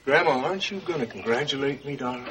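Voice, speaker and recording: An actor playing a smug, gloating grandson in a television soap drama, mocking and laughing. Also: male voice, medium pitch, expressive, fast, background noise, close to an everyday voice.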